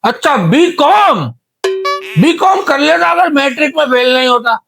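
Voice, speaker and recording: An actor playing a deaf man in a comedy interview, who mishears every question and rambles loudly and indignantly. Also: very high-pitched, expressive, a little slow, gravelly, soft background music, exaggerated voice. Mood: preachy. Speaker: guest character in comedy interview. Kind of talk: comedy sketch acting.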